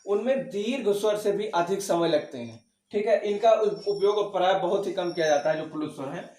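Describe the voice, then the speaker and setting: A man's voice: sits high, moderate pace, a little mellow. A man teaching an exam-prep grammar lesson, asking questions and answering them himself, often checking with "okay". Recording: echoey room, mic at a distance.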